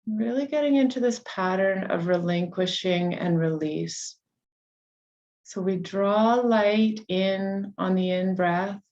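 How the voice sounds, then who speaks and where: A woman leads a guided meditation, giving soothing, unhurried instructions with long pauses between phrases. Her voice is mid-range and a little mellow, and the recording sounds muffled.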